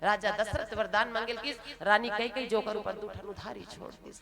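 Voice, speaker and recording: A woman's voice: medium pitch, fairly even intonation, moderate pace, vocal fry, over music. A woman with a Chhattisgarhi accent giving a devotional discourse on the Ramayana to a village audience. She tells the story with dramatic rises, addresses her listeners directly, and often breaks into chanted verse. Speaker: Ramayana commentator at a recitation contest.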